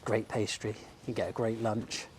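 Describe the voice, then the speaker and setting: Walking up a sunny outdoor shopping street, an Englishman films himself on a handheld camera, talking at a moderate pace in a lowish, slightly mellow voice with little pitch movement and a touch of hoarseness. He's a bookshop owner and vlogger, chatty and enthusiastic with many ums, doing a casual walking-tour vlog. Slight background noise and faint street ambience come through.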